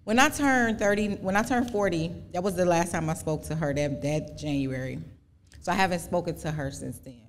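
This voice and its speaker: Earnest woman in her forties, low voice. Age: 40s. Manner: earnest, halting, restarts often. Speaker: podcast guest. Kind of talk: live podcast Q&A, personal testimony.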